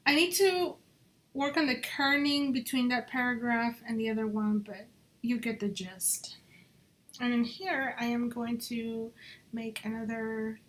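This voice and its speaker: A woman's voice: fairly high pitch, a little hiss or hum. A woman talking through her design work on a screen recording, chatty and muttering to herself as she goes, slipping in Spanish phrases now and then. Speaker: job applicant.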